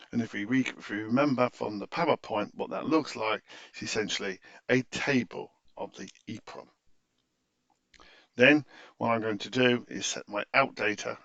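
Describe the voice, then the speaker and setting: This is a mid-range, creaky male voice giving an improvised but orderly screen-share tutorial on software, explaining things as he goes. The recording is dry and dull.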